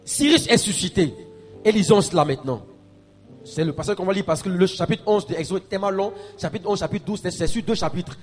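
A male pastor preaching a sermon, often repeating and stumbling over words, swinging between quiet explanation and loud calls to the congregation. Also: sits high, fairly quick, in a large hall, faint music behind. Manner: preaching with call-and-response to the congregation, rising to shouts.

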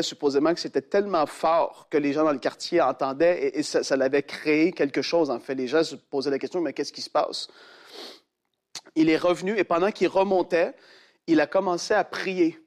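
A man preaching, telling a testimony dramatically and acting out the quoted voices. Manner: animated storyteller who acts out quoted voices in a much higher pitch. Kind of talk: sermon storytelling.

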